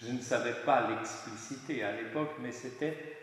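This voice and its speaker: A man from Portugal, lecturing on religious history in a thoughtful way, pausing often to find his words. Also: mid-range voice. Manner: thoughtful, explanatory, frequent hesitations. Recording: very echoey hall with long reverb.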